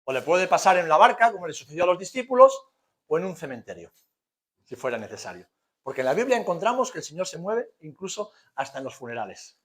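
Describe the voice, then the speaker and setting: Higher-voiced Spanish pastor preaching. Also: male voice, big pitch swings, quick pace, fairly bright tone. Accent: Spanish from Spain. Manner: rhetorical questions, emphatic repetition, colloquial humour. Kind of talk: conversational church sermon.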